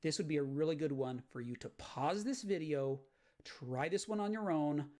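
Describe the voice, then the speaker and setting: A man's voice: a little high, animated, normal speed, a little mellow. A man teaching a math lesson on video, explaining graph sketching step by step and checking in with "right?". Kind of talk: recorded lecture walkthrough.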